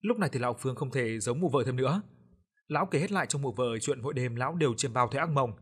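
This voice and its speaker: A man in scripted ghost-story narration, measured and atmospheric. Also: medium pitch, fairly bright tone, slightly rough.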